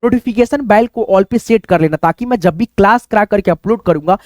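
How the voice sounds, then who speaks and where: Speaking a little fast in a high voice, a man leads a screen-based language lesson with clean studio audio and no room sound. He's chatty, keeps addressing listeners as friends, makes sure they're following, and stretches vowels to show how they sound.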